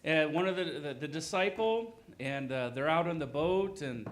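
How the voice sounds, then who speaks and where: A man with a slightly high voice hosts a talent show. He makes informal introductions in a halting, unscripted way. There is faint noise in the live recording. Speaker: master of ceremonies.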